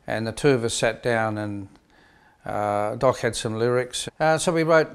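An older man, a band member, telling a relaxed, rambling story in an interview with many pauses and fillers. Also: mid-range voice, clean tone. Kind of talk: reminiscing interview.

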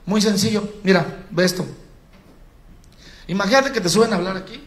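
A man's voice: high voice, normal speed. A Mexican man with a Mexican Spanish accent giving a live training on public speaking from a stage, talking in a colloquial way and calling his audience compadre. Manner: colloquial, addresses audience as compadre, demonstrates by acting out. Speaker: sales trainer. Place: event hall on stage. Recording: echoey event hall.

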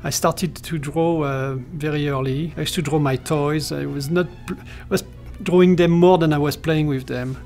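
A man's voice: fairly high pitch, fairly even intonation, moderate pace, gravelly, a little mellow, faint music behind. A middle-aged man from France with a French accent, talking hesitantly in a seated interview, with many fillers and restarts. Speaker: character designer. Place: indoor studio room.

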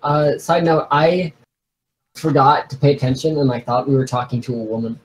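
A man's voice: medium pitch, normal speed, low-quality recording. A man playing a tabletop game, chatting and bantering casually.

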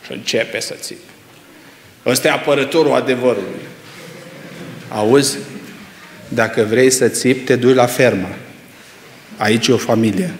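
A man's voice: pauses often, a little hiss or hum. Impassioned preacher man in echoing hall. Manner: dramatic swings from loud rising exclamations to hushed low asides; rhetorical questions to the congregation. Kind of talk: sermon. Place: church hall. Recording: echoey reverberant church hall.

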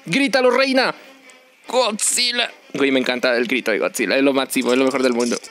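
A young man with a Mexican accent, doing excitable, joking commentary while playing a game with friends. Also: mid-range voice, racing, soft background music. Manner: joking, excitable, teasing teammates. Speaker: gaming streamer. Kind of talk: casual gameplay commentary.

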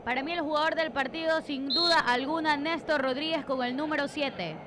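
A woman giving factual live reports from the side of a football pitch. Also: fairly even intonation, brisk. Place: outdoors beside a football pitch. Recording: crowd noise at outdoor pitch.

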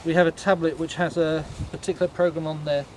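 A man leading a ghost tour, explaining things informally to a group in a halting, matter-of-fact way. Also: on the high side, level tone, darkish tone. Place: on a night walking tour, in the dark. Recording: noisy outdoor night recording.

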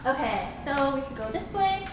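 A woman's voice: high voice, lively intonation, moderate pace. A young woman giving a casual, chatty vlog tour of her home, sing-song and full of "like"s. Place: large empty apartment. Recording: very echoey empty rooms with music. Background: music from house speakers.

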